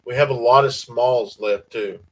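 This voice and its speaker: A man's voice: medium pitch, unhurried, low-quality recording. A man with a Southern US accent hosting a casual family-farm livestream, reading viewer comments in a laid-back drawl. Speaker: livestream host.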